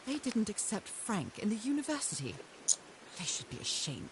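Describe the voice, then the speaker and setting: An actress voicing a curious young woman explorer in a game, with a thoughtful, quietly wondering way of talking. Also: medium pitch, huge pitch swings, moderate pace, slight background noise, rough recording. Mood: somber. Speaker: game protagonist.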